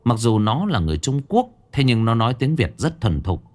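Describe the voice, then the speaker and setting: Expressive man narrating a story. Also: medium pitch, a little fast, soft background music. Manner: dramatic, expressive.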